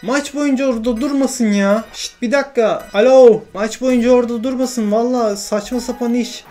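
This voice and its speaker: A young man commentating his own football video game play, shouting at teammates between frustrated and joking remarks. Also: very high voice, fairly even intonation, moderate pace, faint music behind. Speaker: gaming YouTuber.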